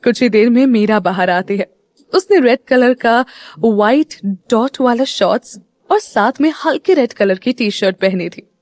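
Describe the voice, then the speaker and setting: Woman, audio story narrator, steady storytelling, higher voice. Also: unhurried, no room sound, studio quality.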